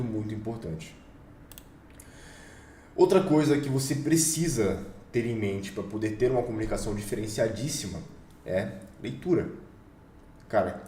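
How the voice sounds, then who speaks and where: The voice is mid-range and dark, with slight background noise: a young man from Brazil teaching an online course with a Brazilian Portuguese accent. His motivational talk is casual, emphatic, full of slang, and sometimes includes swearing, recorded with roomy echo a bit far from the mic.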